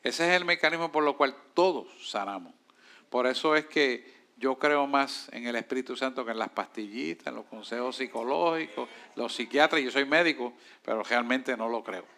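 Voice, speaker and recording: Bright-voiced Puerto Rican pastor teaching. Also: male voice, mid-range voice, normal speed. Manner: emphatic, preacherly, answers questions directly. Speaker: pastor teaching a discipleship class. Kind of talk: church Bible class teaching.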